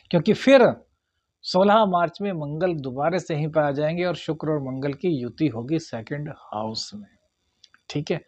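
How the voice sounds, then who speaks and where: A man's voice: fairly high pitch, a little mellow, no echo, highs cut off. A man, an astrologer giving a monthly horoscope talk and advising viewers earnestly, calling them brother.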